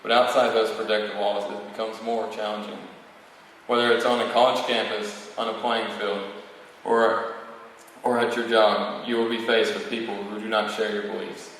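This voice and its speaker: A young male student valedictorian, about eighteen, gives a formal graduation podium speech to an audience, reading a prepared text at normal speed with occasional stumbles. His voice is low and even. He's recorded from afar in a large, very echoey hall with faint noise.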